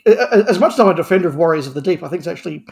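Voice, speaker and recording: Talking very fast with lively intonation, this man's fairly high voice is gravelly yet a little mellow. He's a guest on a podcast, in an animated panel discussion full of opinions, and he repeats words and phrases for emphasis.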